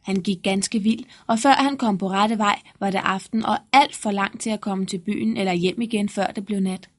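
A woman narrating a fairy tale in a lively storytelling manner. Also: mid-range voice.

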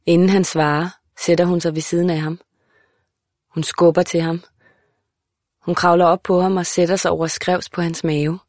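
A woman reads a literary audiobook in a calm, measured voice that sits a little low. The sound is dry and close, with no room around it. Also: dry recording. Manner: calm, measured, even reading. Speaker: audiobook narrator. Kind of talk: scripted literary narration.

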